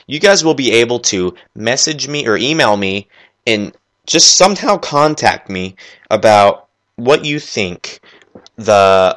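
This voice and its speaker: Fast-talking rambling male podcast host. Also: fairly low pitch, fairly bright tone. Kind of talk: solo gaming podcast chat. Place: at his computer, working while talking.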